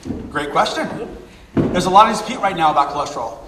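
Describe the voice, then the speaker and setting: A middle-aged man speaks quickly and energetically to an audience, often repeating words to drive a point home. The sound is roomy with a long hall reverb, and the mic sits a fair way off. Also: fairly high pitch, lively intonation, distant mic, background noise. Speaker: speaker giving a talk. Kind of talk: public talk with audience questions.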